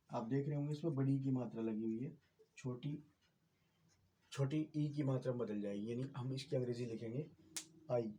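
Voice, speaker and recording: A man's voice: mid-range voice, dark tone, husky. A man, patiently explaining a writing lesson as a teacher, with many fillers and repeated checks.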